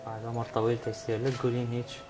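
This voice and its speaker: A man's voice: medium pitch, completely flat delivery, rapid-fire. A man in his thirties with an Iraqi Arabic accent, hosting an interview in a reassuring, encouraging way. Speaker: TV interview host. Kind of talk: interview talk. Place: TV studio. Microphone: lapel mic. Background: background music.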